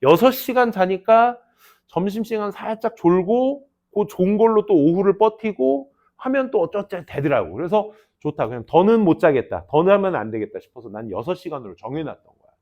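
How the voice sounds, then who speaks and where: Male teacher, young adult, casual teasing lecture, animated pitch, dull lo-fi recording. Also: a little fast. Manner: teasing, banmal lecturing with lively asides. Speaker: English teacher. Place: classroom.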